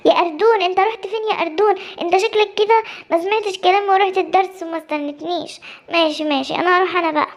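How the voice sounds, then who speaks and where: A tiny, timid cartoon cub boy, voiced by a woman, with an Egyptian accent. His voice is extremely high and squeaky, and the words tumble out at a frantic speed. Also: rapid-fire. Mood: worried. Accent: Egyptian Arabic. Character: young cub boy, timid and easily frightened. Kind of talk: cartoon voice acting.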